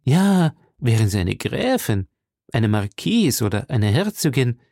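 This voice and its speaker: A reader playing a vain swaggering musketeer, grand and self-pitying, gravelly lively delivery, audiobook. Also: mid-range voice, a little slow, no room sound, clean studio sound. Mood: affronted. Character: vain boastful male musketeer, pompous nobleman. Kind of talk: audiobook character reading.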